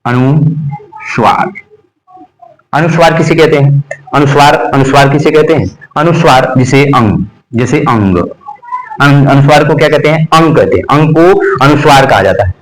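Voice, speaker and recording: Poor audio carries a slightly high male voice speaking at normal speed. During this Hindi grammar class he keeps repeating terms and quizzing himself aloud, supplying the answers as he works on pronunciation.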